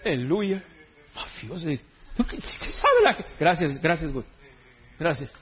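A man's voice: on the high side, big pitch swings, unhurried, lo-fi sound. A man preaching a sermon in a joking, conversational way, full of slang. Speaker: pastor.

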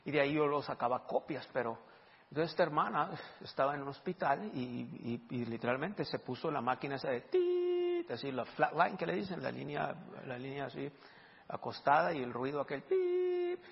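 A man preaching as a pastor, telling stories and acting out the dialogue loudly. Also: on the high side, normal speed, creaky, slightly rough. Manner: animated, acts out dialogue loudly. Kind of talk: sermon with storytelling. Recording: dull reverberant hall recording.

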